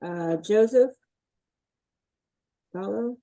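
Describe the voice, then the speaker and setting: A woman's voice: mid-range voice, very slow, mellow. A woman teaching a college class online, calling roll and chatting in an informal, jokey way. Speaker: college instructor.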